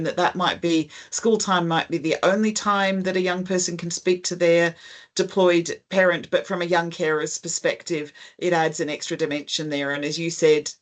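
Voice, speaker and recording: A woman hosting and chairing an online video call conversation, friendly and wordy with frequent ums. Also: on the low side. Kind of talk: casual online meeting chat.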